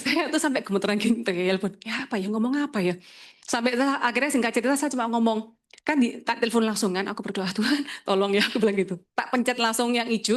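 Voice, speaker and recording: A woman, an insurance agent telling her own story in a lively talk and acting out the dialogue. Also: a little high.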